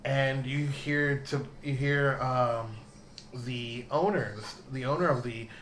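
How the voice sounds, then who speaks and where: A man's voice: medium pitch, fairly even intonation, measured pace, a bit bright, reverberant, a little hiss or hum. A man running a tabletop game as game master, narrating loosely with many fillers.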